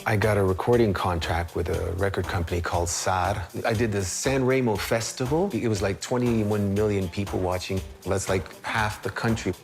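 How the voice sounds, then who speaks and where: A man in his sixties who grew up in Switzerland tells stories from his singing career. His voice sits low, and he slips into other people's voices when he quotes them. Music plays clearly behind him. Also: steady tone, moderate pace, hardly any pauses. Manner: anecdotal, acts out other people's lines. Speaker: singer recalling his career. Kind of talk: relaxed interview storytelling.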